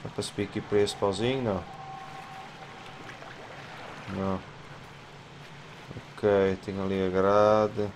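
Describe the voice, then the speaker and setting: Excitable Portuguese gamer yelping at scares. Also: male voice, on the low side, moderate pace. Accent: European Portuguese. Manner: excitable, yelps and swears at jump scares, mutters to himself. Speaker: gamer playing a horror game. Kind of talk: let's play commentary. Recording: clear game noise behind voice.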